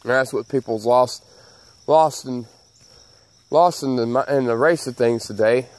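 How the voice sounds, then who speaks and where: A man's voice: medium pitch, measured pace, a little mellow. Southern man talking through missing front teeth. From Southern United States. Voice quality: missing front teeth, slightly slurred sibilants. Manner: folksy, emphatic, repeats phrases. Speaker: channel host. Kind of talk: casual opinion rant to camera.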